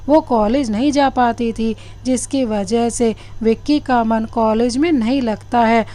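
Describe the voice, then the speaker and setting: A woman's voice: fairly high pitch, mellow. Woman narrating a Hindi love story.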